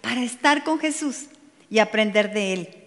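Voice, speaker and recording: A woman's voice: on the high side, lively intonation, moderate pace. Woman preaching in a reverberant hall. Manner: conversational, addresses the audience directly with playful asides. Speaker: preacher at a women's meeting. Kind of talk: sermon. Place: church meeting hall.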